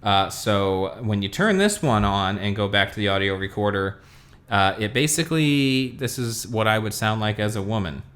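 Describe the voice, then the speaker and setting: A man hosting a casual tech product review, talking through a demo in a relaxed way with many fillers. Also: on the low side, normal speed. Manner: relaxed, lots of fillers, talks while demonstrating.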